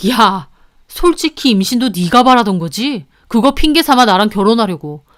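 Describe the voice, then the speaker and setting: A snappish, accusing young boyfriend, read by a woman narrator. The voice is fairly high and smooth, with a dry close sound. He picks fights in a sulky tone. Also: animated, normal speed, no echo, natural voice.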